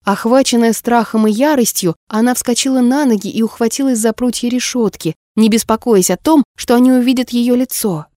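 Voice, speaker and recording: A woman with a fairly high voice tells a story in a measured, expressive way. The recording is dry and close, with no room sound. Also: no echo. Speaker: narrator. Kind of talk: audiobook narration.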